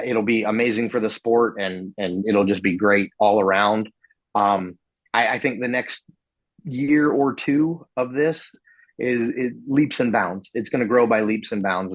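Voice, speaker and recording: A man's voice: lowish voice, no echo, muffled recording. A man who promotes events, a guest chatting casually on a podcast in an easygoing, modest way. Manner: easygoing, modest, with frequent restarts.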